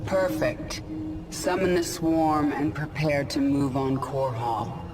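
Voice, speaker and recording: A woman playing a vengeful, ruthless alien warrior queen in a video game, speaking in a cold, commanding, deliberate way. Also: deep voice, steady tone. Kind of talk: dramatic video game acting. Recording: loud cinematic music behind.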